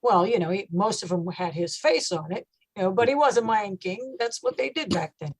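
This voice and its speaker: In a laid-back interview, a low-voiced woman metal singer talks briskly yet thoughtfully, her relaxed speech packed with fillers.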